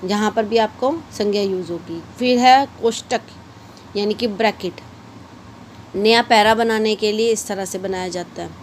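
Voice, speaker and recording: A woman's voice: medium pitch, normal speed, a little hiss or hum. A woman teaching a shorthand lesson in a casual way, explaining patiently and repeating her examples. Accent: Hindi-English mixed.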